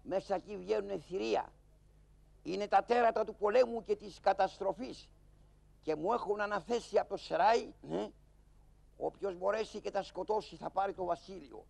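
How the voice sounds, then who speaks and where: A man voicing a polite, formal older puppet character who explains things calmly in a live shadow-puppet show. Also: high voice, creaky. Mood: explaining.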